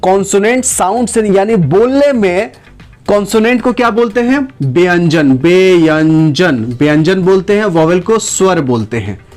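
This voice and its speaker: Male tutor, high voice, repeats and drags out examples, faint music behind. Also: moderate pace. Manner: talks in a steady run, repeating and stretching out example sentences. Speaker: English teacher. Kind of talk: spoken lesson to camera.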